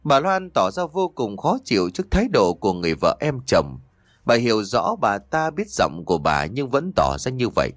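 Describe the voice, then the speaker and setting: A man reading an audio story in an expressive storytelling manner. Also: fairly low pitch, normal speed, dry recording, studio quality. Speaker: narrator.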